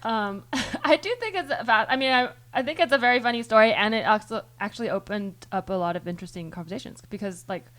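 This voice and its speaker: Podcast host lady thinking out loud, lots of restarts, swears a bit. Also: a little high, fast talker. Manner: thinking aloud in long rambling turns with many restarts, sometimes swearing. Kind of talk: casual chat.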